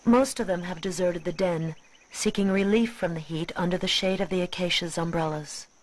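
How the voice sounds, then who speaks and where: A woman reading scripted nature documentary narration in a measured, expository way. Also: on the low side, fairly even intonation, low-quality recording.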